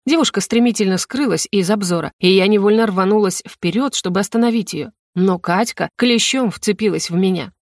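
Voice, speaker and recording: A woman reading a fantasy novel aloud in the first person, with lively expression. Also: medium pitch, brisk, hardly any pauses, no echo, clean studio sound. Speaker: audiobook narrator. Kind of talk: first-person audiobook narration.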